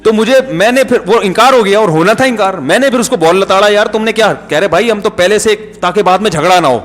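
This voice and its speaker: Middle-aged Pakistani Urdu-accented male preacher, anecdotal and jokey, fairly high voice, long hall reverb. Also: a bit bright. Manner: jokey storytelling, acts out dialogue. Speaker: Islamic preacher. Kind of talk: conversational sermon with anecdotes.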